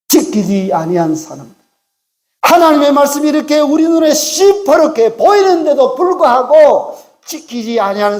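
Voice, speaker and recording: Emphatic older Korean pastor preaching. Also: male voice, very high voice, darkish tone. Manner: emphatic, repeats key phrases, rhetorical questions to the congregation. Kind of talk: sermon.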